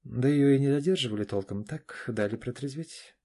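A man voicing a calm, businesslike lawyer in an audiobook, matter-of-fact in tone. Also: medium pitch, normal speed, pitched above the performer's own voice, close to an everyday voice. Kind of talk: audiobook reading.

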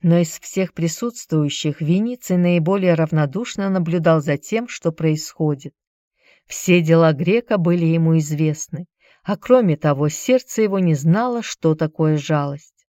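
A woman reads a novel aloud in a measured, expressive manner. Her voice sits fairly low, and the recording is dry and close with no room sound. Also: no echo. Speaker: audiobook narrator. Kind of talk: scripted narration of a novel.

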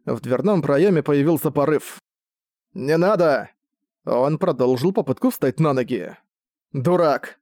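A man narrating an audiobook in an even, steady reading voice. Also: mid-range voice, dry recording, studio quality.

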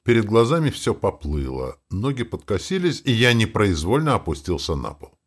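Low-voiced expressive male audiobook narrator. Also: normal speed, husky. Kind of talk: scripted first-person narration.

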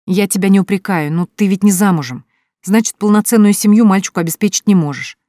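A woman voicing a sharp-tongued, practical young woman who teases and lectures her friend. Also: medium pitch, fast, no room sound, studio quality, voice pushed up, close to an everyday voice. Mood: lecturing. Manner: teasing, coolly lecturing.

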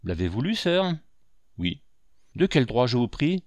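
A man's voice: mid-range voice, very animated, a little slow, no echo. A man voicing a proud, upset young woman in an audiobook, curt and defensive. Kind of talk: audiobook character voice.

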